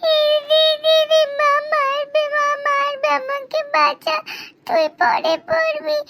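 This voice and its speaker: A woman's voice: very high voice, little pitch movement, slow pace, gravelly, full character voice. A woman voicing a naughty little boy in a cartoon who whines and pleads because he is scared of his mother. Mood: pleading. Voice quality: whiny, pleading. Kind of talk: cartoon dubbing.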